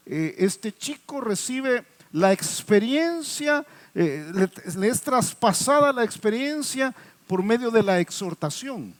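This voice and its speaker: A middle-aged man preaching a sermon as pastor, often putting questions to the congregation. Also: high-pitched.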